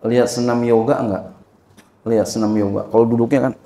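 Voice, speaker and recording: A man's voice: mid-range voice, little pitch movement, fairly quick, dark tone, echoey room. A man giving an informal religious lesson, repeating phrases and addressing his listeners directly. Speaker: religious teacher.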